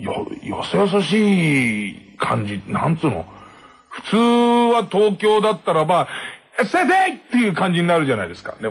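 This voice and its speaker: A man's voice: on the high side, breathy edge. A man hosting a late-night radio show, telling a rambling, self-mocking comic story and laughing at his own jokes into a studio microphone.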